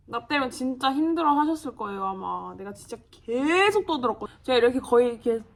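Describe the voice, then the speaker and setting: A young woman chats to her viewers while doing her makeup, telling a story in a lively, talkative way. She acts out the doctors, the nurses and her own past self, and laughs often. Her voice sits a little high. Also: quick pace. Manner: chatty, animated, acts out quoted voices with laughter. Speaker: vlogger.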